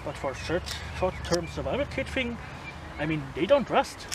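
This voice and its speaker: Out in the woods, this thirty-something man demonstrates a knife, talking easily and laughing softly between comments as a bushcraft vlogger. He sounds high and sing-song at a moderate pace, recorded through a handheld camera mic with background noise and forest sounds.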